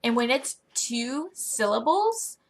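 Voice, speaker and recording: A young woman explaining online English teaching in a chatty tutorial, often using a high, playful teacher voice. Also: big pitch swings, slow. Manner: chatty, demonstrates teacher lines in a high, exaggerated sing-song. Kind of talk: casual screen-recorded tutorial.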